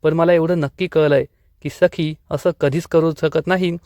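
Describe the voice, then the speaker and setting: Dry, higher-voiced male recap narrator. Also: moderate pace, no echo. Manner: steady storytelling, reads character lines in his own voice. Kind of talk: scripted episode recap narration.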